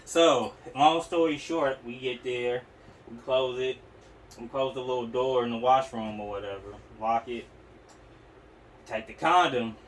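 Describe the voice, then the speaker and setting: Recorded on a far-off mic in a noisy room, a young podcast host from Oakland, California, shares casual personal stories with an Oakland accent. His talk is slangy, profane and meandering, delivered in an unhurried, medium-pitched voice.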